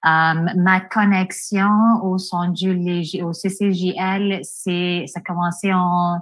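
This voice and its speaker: A woman's voice: lowish voice, level tone, takes it slowly. A woman who is a parent and a teacher, introducing herself on a video call, hesitant and full of restarts.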